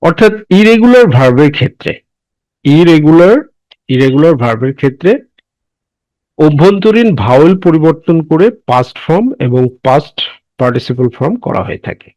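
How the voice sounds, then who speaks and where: A man's voice: a little high, animated, darkish tone, dry recording, poor audio. Man teaching, asking and answering himself. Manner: explains slowly, repeats words, asks and answers his own questions. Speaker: English teacher. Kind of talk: classroom lesson.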